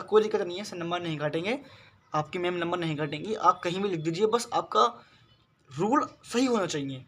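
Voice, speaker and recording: A man's voice: sits high, a bit bright, a little hiss or hum. A man teaching a math lesson to school students, patiently repeating questions and explaining step by step, with English terms spoken in a Hindi accent. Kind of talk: classroom lesson.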